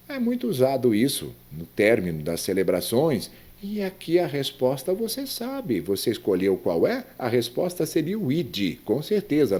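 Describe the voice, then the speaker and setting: A man with a Brazilian Portuguese accent and a medium-pitched, dark voice teaches Portuguese grammar. He quizzes the viewer and explains every answer, his questions rising and falling with emphasis.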